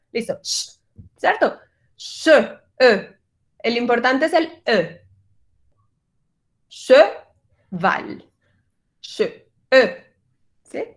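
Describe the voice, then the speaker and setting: A woman teaching French pronunciation to singers over a video call, patient and encouraging, slowly demonstrating each sound. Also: sits high, fairly bright tone. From Colombian Caribbean coast. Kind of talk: online workshop lesson.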